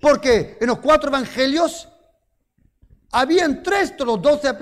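A man preaching a sermon, telling stories with rhetorical questions and touches of humor. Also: very high-pitched.

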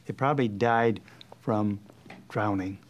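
A man's voice: fairly low pitch, unhurried. An elderly man, a war veteran, remembering in an interview with a hesitant, stammering delivery. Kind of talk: documentary interview reminiscence.

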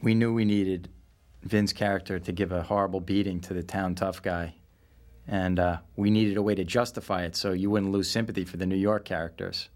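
A man's voice: low-pitched, fairly even intonation, fairly quick. A man explaining scenes casually in a film commentary, speaking as one of the filmmakers.

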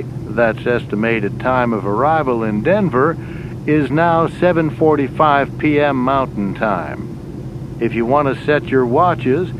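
Over a muffled intercom, an airline captain speaks to his passengers slowly and deliberately. Each announcement comes out carefully paced and steady. A loud engine rumble sits behind the dull, lo-fi sound. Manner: measured, deliberate delivery. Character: calm male airline captain making cabin announcements. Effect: over the aircraft intercom. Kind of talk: scripted in-flight announcements for a language lesson.

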